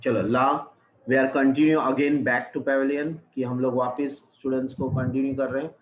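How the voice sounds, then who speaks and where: A man's voice: mid-range voice, level tone, unhurried, slight background noise. Man with a cave-like echo on his lecture audio. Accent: Indian. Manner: repeats definitions, mixing English and Hindi. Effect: doubled, cave-like echo on the call audio. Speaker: college lecturer. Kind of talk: online lecture. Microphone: computer or phone mic on a video call. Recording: echoey, phone-like online class audio.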